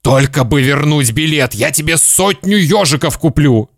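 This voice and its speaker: A stern, increasingly flustered father grilling his son, as a man reading a storybook puts him on. His questions come slowly and the sound is close and dry. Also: a little high, big pitch swings, no echo, pitched above the performer's own voice. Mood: frantic. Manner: stern, interrogating, then pleading. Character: flustered, nervous father, growing frantic.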